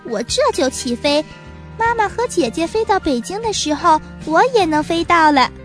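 A woman's voice: extremely high pitch, animated, normal speed, soft background music. A woman voicing a brave, eager little boy pigeon in a children's story. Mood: determined. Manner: eager, stammering when caught.

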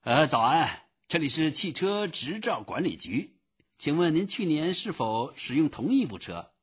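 A man's voice: a little high, sing-song, moderate pace, a bit bright, husky, voice pushed up, heavily acted. A man voicing a hesitant, fussy male clerk on the telephone who keeps stammering "uh". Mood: flustered. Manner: filler-laden, stammering "uh". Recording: dull lo-fi recording.

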